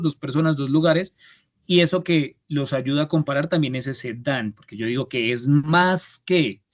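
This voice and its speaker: The recording cuts off the highs of this young English instructor's fairly high-pitched voice. Teaching a grammar class online, he repeats each step with patience and confirms his students are following along.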